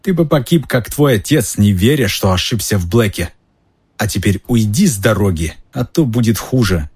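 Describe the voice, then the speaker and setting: A man with a husky voice reading aloud and voicing a cold, venomous male schoolmaster who hisses and sneers. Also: fairly low pitch, lively intonation, moderate pace. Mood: shouting rage. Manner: hissing, sneering, bursts into shouting.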